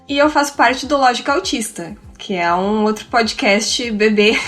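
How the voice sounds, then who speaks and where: A woman's voice: a little high, animated, normal speed, fairly bright tone, faint music behind. A woman in her thirties from southern Brazil, a podcast guest talking casually, laughing often and restarting her phrases. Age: 30s. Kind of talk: casual conversation.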